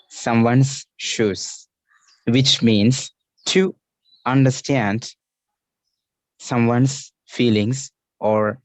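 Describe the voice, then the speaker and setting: Over a video call, an Indian-accented man teaches an online English class, patiently explaining idioms and going back over the key phrases. He speaks at a medium pitch with a darkish tone, and there's no echo.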